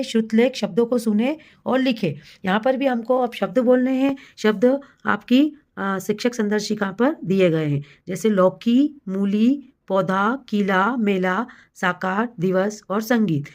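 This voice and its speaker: A woman teacher explaining a classroom assessment to fellow teachers, patient and steady, and slowing down to read out words for dictation. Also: mid-range voice. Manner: patient, addresses listeners as colleagues, reads words slowly for dictation. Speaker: primary school teacher.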